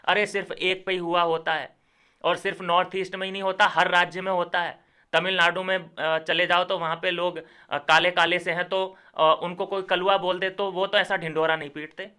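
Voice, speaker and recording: A man's voice: high voice, level tone, normal speed, pushed and bright, clean tone. A young man making a ranting commentary video, indignant and lecturing, with heavy sarcasm. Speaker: YouTuber.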